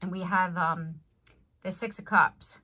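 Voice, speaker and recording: Low-voiced woman doing a casual tarot reading. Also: steady tone, measured pace, pushed and bright. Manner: rambling, conversational, frequent "you know what I mean". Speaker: tarot reader.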